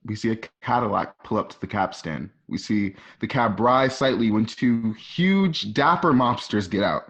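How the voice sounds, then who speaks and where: In a fairly low, slightly bright voice, a man reads radio drama stage directions at a normal, animated pace. His delivery is conversational and loose, peppered with casual asides, like informal scripted narration.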